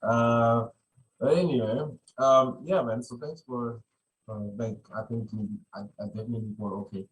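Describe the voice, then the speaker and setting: A man with a medium-pitched voice hosts a podcast at a moderate pace, speaking casually and rambling. He repeats phrases often and leans on "you know." The recording is low quality, with a little hiss or hum.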